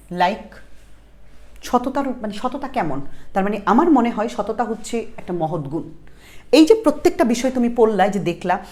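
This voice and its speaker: A young woman, teaching an English exam-prep lesson. She reads phrases slowly, explains quickly, and often checks in with a rising question. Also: medium pitch, darkish tone. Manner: explains slowly, then rapid asides, asks "ঠিক আছে?" with a rising tone.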